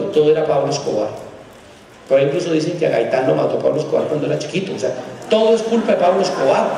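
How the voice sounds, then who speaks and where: A man's voice: darkish tone, distant mic, a little hiss or hum. Bogotá man lecturing in an echoey hall. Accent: Bogotá Colombian Spanish. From Colombia. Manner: emphatic and sarcastic, rising in pitch to stress points. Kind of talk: conference lecture. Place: large hall.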